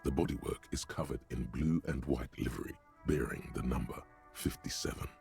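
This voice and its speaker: A brooding narrator of the mind in a video game. His voice sits extremely low and gravelly, and he lays out each line slowly and wryly. Faint music plays under him. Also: darkish tone.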